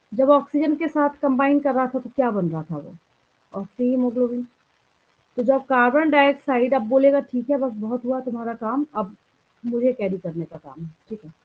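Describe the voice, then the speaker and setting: A biology teacher, a woman with a fairly high voice and an Indian accent, lectures her class while switching between Hindi and English. She asks the students questions and then answers them herself. The audio is thin and tinny, like a phone line.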